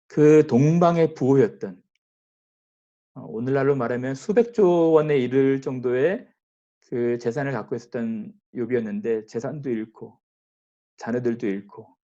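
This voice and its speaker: Man, pastor, morning devotional sermon, conversational, talks straight to listeners, mid pitch, dull lo-fi recording. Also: warm tone. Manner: conversational preaching, addresses listeners directly.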